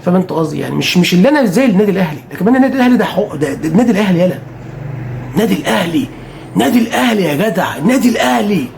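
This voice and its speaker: A man's voice: sits high, big pitch swings, racing, vocal fry, a little mellow, slight background noise. A man with an Egyptian Arabic accent, a football fan streamer talking casually to camera, repetitive and emphatic, swearing oaths.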